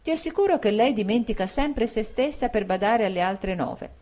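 A woman's voice: on the high side, animated, moderate pace, warm tone, pitched above the performer's own voice, natural voice. A woman reading as a shy earnest young man. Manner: hesitant, thoughtful. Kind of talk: audiobook reading.

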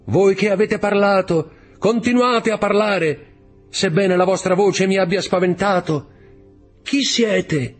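A man reading an audiobook voices a young sailor locked in a cell, pleading and urgent, with a husky tone. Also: high-pitched, takes it slowly, soft background music, voice pushed up. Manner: raised, urgent and imploring. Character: young male sailor prisoner, desperate and pleading.

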